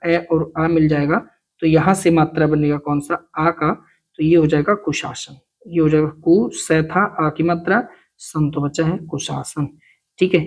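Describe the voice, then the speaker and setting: A slightly high-voiced man teaching a Hindi grammar class for an exam. He works through examples step by step in a friendly, easygoing way. He keeps checking in with his students and calls them by familiar words. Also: darkish tone. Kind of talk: exam coaching lesson.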